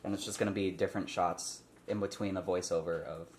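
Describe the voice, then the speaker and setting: A man with a low, darkish voice and a steady tone speaks a little fast as he leads a casual script read-through. He reads stage directions and explains informally, in an echoey room with faint noise behind him.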